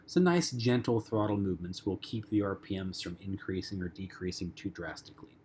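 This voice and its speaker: A man with a lowish voice teaches a flight lesson, talking loosely and conversationally, filling gaps with ums and uhs. A faint hum sits under the recording. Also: fairly quick, darkish tone. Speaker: flight instructor. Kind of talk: lecture-style flight lesson.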